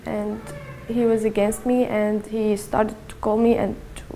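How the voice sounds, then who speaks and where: Young syrian woman, 21, halting interview testimony, low gravelly fry, keeps circling back on words, level delivery. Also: little pitch movement, mellow, a little hiss or hum. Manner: halting, repeats words, measured and subdued. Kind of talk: personal testimony.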